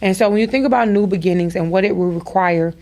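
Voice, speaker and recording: A woman's voice: mid-range voice, quick pace, warm tone. Emphatic woman giving a pep talk. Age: adult with daughters. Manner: emphatic, repeats phrases for stress; speaks to listeners directly, preacher-like. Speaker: podcast host. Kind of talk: motivational talk.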